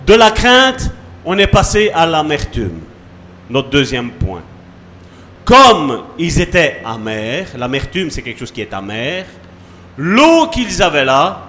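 A man delivers a sermon as pastor, his voice sitting high for a man. His pitch leaps and dips constantly, dropping to hushed asides and then rising to loud rallying calls. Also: a little hiss or hum. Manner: lively preaching, sudden drops to soft asides and rises to loud calls.

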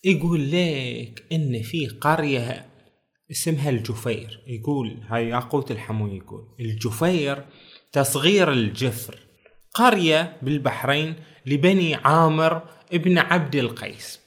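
A man with a Bahraini Arabic accent talking casually through a book, reading verses slowly and adding joking asides. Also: mid-range voice, a bit bright. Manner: chatty, quotes verses slowly, jokes aside. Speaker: book reviewer. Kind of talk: casual spoken book talk.

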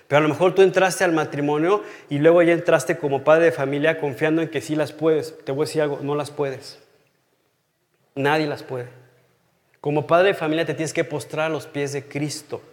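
A man in his thirties or older teaches from the Bible in a personal, conversational style, earnest and dropping to a hush on key phrases. His voice is fairly high with fairly even intonation at a normal speed, and the room has a long hall reverb.

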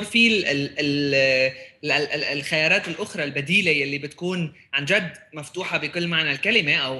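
A man's voice: on the high side, pushed and bright, a little hiss or hum. A man with a Levantine Arabic accent in a casual tech discussion, often repeating words as he searches for phrasing and mixing in English terms.

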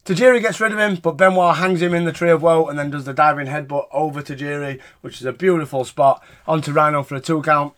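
A man's voice: fairly high pitch, fairly even intonation, quick pace, few pauses, a bit bright. A British man hosting a casual, sweary podcast recap of wrestling in an informal way. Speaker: podcast host reviewing wrestling shows.

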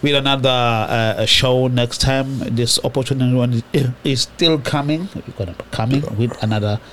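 A man's voice: medium pitch, normal speed, crowd noise. A man co-hosting a radio show, thanking listeners in an effusive, grateful way. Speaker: radio co-host. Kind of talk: radio sign-off.

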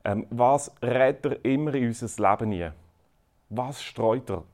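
Animated man preaching. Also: medium pitch, a little slow. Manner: lively, swings between loud emphasis and quiet earnest asides. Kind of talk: sermon.

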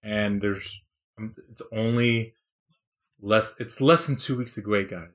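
A man hosting a casual gaming podcast, chatty and excited, with a rambling way of talking. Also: lowish voice, unhurried. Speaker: podcast host. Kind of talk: casual chat.

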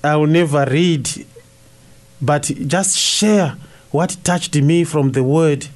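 Answering radio interview questions, a middle-aged Shona-speaking priest from Zimbabwe pauses to think, stumbling over uhs and restarting his sentences. His voice runs fairly high for a man and is a little mellow.

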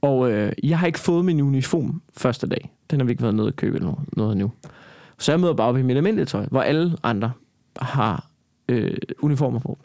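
A man's voice: mid-range voice, lively intonation, warm tone, no room sound, studio quality. A young man in casual conversation, telling a long personal story in a rambling way, with many restarts and some swearing.

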